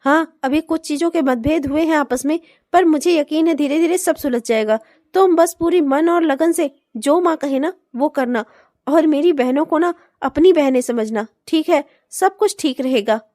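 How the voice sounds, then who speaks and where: A gentle young cartoon husband and peacemaker, voiced by a woman who speaks in soothing, reassuring tones. The voice stays very high despite the male figure, and it is dry and close. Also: normal speed, no room sound. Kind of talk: comic cartoon voice acting.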